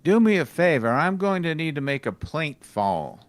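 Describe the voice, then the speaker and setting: A man's voice: fairly high pitch, sing-song, normal speed, a little hiss or hum. A man doing a flustered grown son. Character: adult son, flustered and calm. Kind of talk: comedic fanfiction reading.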